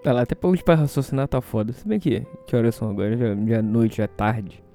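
Brazilian male host, hungover, mid-pitched and very dark-toned, hesitant rambling monologue, music behind. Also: fast. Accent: Brazilian Portuguese. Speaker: solo show host.

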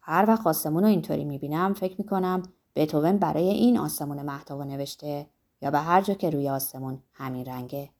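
A gentle, wistful young man recalling the past in a soft, quiet voice, read by a woman in an audiobook. His tone is low and subdued. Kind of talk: audiobook character reading.

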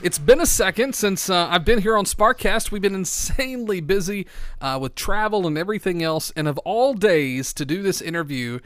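A man's voice: sits high, animated, normal speed, fairly bright tone, clear, resonant tone, dry recording. A man hosting a podcast interview, upbeat and enthusiastic, talking with a slight lisp from a bitten tongue. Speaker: podcast host. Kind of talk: casual interview chat.

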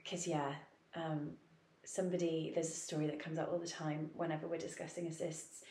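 Yoga studio manager, woman with a lowish voice, chatty and easy, roomy echo. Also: little pitch movement, a little fast, dark tone. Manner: chatty, laughs often, many fillers. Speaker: yoga studio manager judging teacher auditions. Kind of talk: casual podcast chat. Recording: roomy echoey recording.

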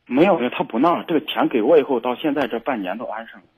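A man calling in to an advice show, aggrieved and halting, repeating himself as he tells his side. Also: medium pitch, lively intonation, slightly rough, narrow, tinny audio. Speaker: caller.

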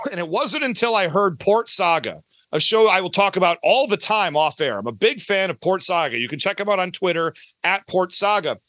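Speaking at a moderate pace, a middle-aged audio drama creator has a high, sing-song voice that is bright and forceful, recorded with no echo. As a podcast guest he chats casually and rambles, emphatic and gushing with enthusiasm.

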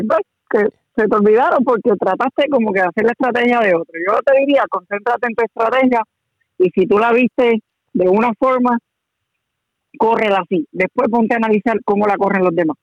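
A man in a casual chat, starting haltingly and then giving steady advice. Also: sits high, dry recording. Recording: dull lo-fi sound.

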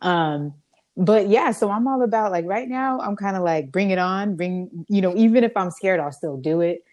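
A woman's voice: mid-range voice, expressive, normal speed, darkish tone. A woman co-hosting a podcast, speaking earnestly and reflectively in casual chat. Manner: earnest and reflective, with frequent restarts and laughter. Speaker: podcast co-host and radio host.

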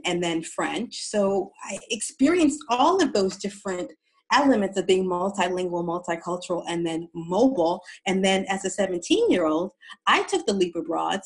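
In a roughly recorded clip, a woman from the East Coast speaks in a mid-range voice as an interview guest telling her story. She is reflective and frequently repeats words while searching for them.

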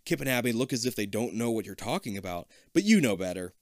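A man's voice: on the low side, sing-song, fast talker, dry recording, studio quality. A man casually reading an adventure gamebook aloud, with joking asides. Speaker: reader.

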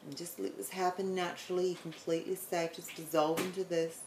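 A woman explaining the planets in a chatty way, then leading a guided meditation with slow, soothing instructions and some stumbles. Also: fairly low pitch, flat delivery, roomy sound, background noise. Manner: chatty, apologetic, stumbles over words.

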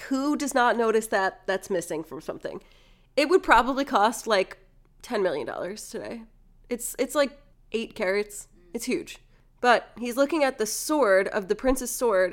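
A woman in casual chat, animatedly retelling a film plot, acting out the characters' lines and swearing now and then. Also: medium pitch. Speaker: podcast host retelling a film.

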